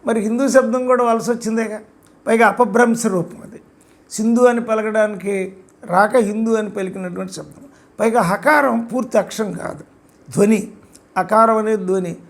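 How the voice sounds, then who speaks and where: A man's voice: high-pitched, fairly even intonation, moderate pace. An older man giving an emphatic, repetitive spoken lecture about his own book. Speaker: author discussing his book.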